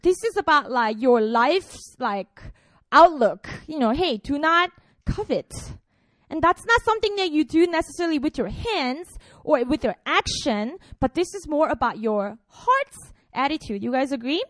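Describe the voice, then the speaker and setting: This high-pitched, expressive voice belongs to a Korean woman in her twenties who pastors and is preaching a relaxed, playful sermon to students. Her speed is normal, her tone a bit bright, and the recording dry. She chats playfully and leans on fillers often.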